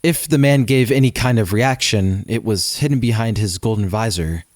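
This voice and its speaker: Guy reading a creepy first-person story, dead dry mic, even and measured. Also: fairly low pitch, no room sound. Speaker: narrator.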